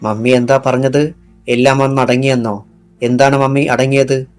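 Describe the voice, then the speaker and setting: A fierce young policewoman, intense and resolute, in a storybook reading, as a male narrator puts her on. Her lines come in an even, level tone with little rise and fall, over faint background music. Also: mid-range voice, moderate pace, lightly acted. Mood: accusing. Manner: intense vowing speech.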